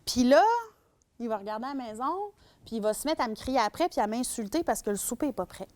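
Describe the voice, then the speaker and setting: A woman with a Québécois accent giving a public talk about her work at a shelter. She lectures in an animated way and acts out everyday scenes. Her voice sits fairly high. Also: fast talker. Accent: Québécois French. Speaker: domestic violence shelter worker giving a talk.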